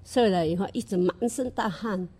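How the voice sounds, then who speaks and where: An older woman giving a personal faith testimony in an earnest, halting way, with frequent restarts and fillers. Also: medium pitch, dark tone, breathy edge. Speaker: church member giving testimony.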